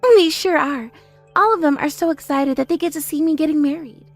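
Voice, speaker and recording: Woman acting a high-pitched, vain, spiteful older sister. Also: a little fast, soft background music. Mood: smug. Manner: haughty, taunting, self-praising. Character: vain, spiteful older sister in her thirties, boastful and mocking. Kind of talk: scripted audio story dialogue.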